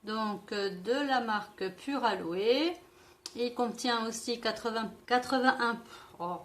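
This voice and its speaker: Brief: woman, higher voice, unhurried, hesitant casual makeup review, frequent self-corrections. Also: a bit bright. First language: French. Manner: hesitant, stumbling over product names and self-correcting. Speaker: beauty vlogger.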